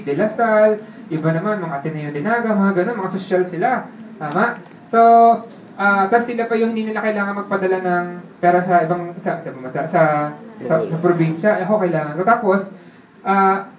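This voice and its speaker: A man telling his life story in a casual way, laughing often and checking in with the listener through quick tag questions. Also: sits high, a little hiss or hum. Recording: roomy sound from a distant mic with faint ambience.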